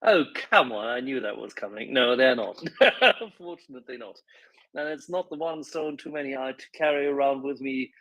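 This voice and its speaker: Male co-host, medium pitch, halting and verbose, casual live talk, dry acoustic. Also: expressive, sharp tone, dry recording, rough recording. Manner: wordy, halting, ornate word choices.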